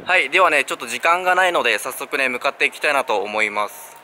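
A casual sneaker vlogger in his thirties, with a lively pitch, talks fast while walking a busy city street, filming on a handheld camera at arm's length. His relaxed narration is full of fillers and frequent "ne" tags, with street noise behind him.

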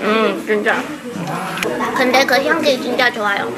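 A young woman, a food vlogger, speaks simple Korean while her mouth is full, humming between bites in a fast-food restaurant. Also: on the high side. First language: Mandarin. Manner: simple Korean sentences with drawn-out murmured hums between bites. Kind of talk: mukbang vlog. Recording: loud background music and crowd chatter.

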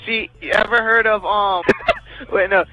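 A young man chatting casually while playing a game with a friend, excitable and often laughing. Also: high-pitched, a little slow, rough recording. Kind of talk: casual gaming chat.

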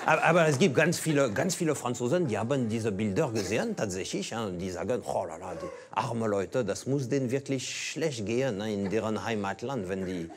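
Male comic, 50s, French accent, playful deadpan teasing, lapel mic on a cabaret stage. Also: medium pitch, fairly quick, few pauses. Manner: playful, mock-naive, teasing. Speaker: comedian and show host. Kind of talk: stand-up monologue and street interviews. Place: small cabaret stage with audience.

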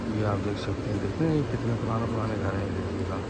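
A man's voice: fairly low pitch, fast. A man vlogging a walking tour outdoors, guiding viewers through streets while walking. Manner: flat, steady guiding narration addressing viewers as friends. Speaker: travel vlogger. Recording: loud outdoor street noise. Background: loud traffic and street noise.

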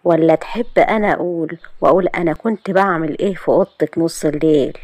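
A woman voicing a proud, teasing young husband, speaking slowly and needling. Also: deep voice, a little mellow, no echo. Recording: dry close recording.

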